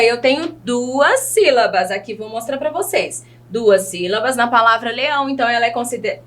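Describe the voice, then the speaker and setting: A Brazilian woman teacher giving a children's video lesson, speaking in a slow, teacherly way and asking the children questions. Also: a little high, a bit bright. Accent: Brazilian Portuguese. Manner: slow, sing-song teacherly delivery, asks children questions.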